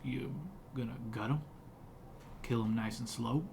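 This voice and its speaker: Man acting out a gruff old-timer woodsman, curt and suspicious, hushed rough delivery, folksy tabletop game character, noisy room. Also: mid-range voice, fairly even intonation, unhurried. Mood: grim, menacing. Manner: curt, folksy backwoods talk with swearing. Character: gruff, lean, weathered woodsman hostile to goblins.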